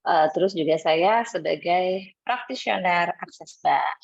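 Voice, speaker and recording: Seorang perempuan tamu wawancara bercerita santai, sering menirukan percakapan dengan nada lebih tinggi. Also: female voice, measured pace, vocal fry, no echo. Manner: chatty, acts out quoted dialogue with rising pitch. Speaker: interview guest. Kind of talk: casual storytelling. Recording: dull dry lo-fi sound.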